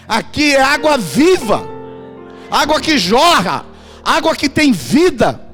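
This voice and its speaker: A man's voice: extremely high pitch, sing-song, slow, a bit bright, soft background music. A man preaching a sermon, emphatic and calling on the congregation to answer back, at a church. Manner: emphatic, calls the congregation to respond. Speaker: pastor. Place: church in Portugal.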